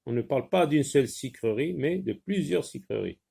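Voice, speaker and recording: A man teaching a spelling lesson, slowly sounding words out and spelling them letter by letter. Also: mid-range voice, lively intonation, creaky, dark tone, husky.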